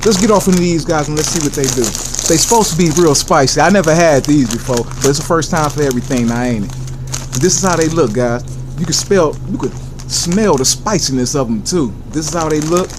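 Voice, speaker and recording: A man's voice: on the high side, brisk, background noise. An American man hosting a casual, enthusiastic food review, addressing viewers directly with catchphrases and answering his own questions.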